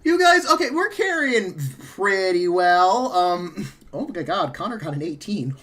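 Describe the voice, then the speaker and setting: A man's voice: sits high, sing-song, a little slow, fairly bright tone. A man running a tabletop game as game master, casual and rambling, laughing often and correcting himself mid-sentence.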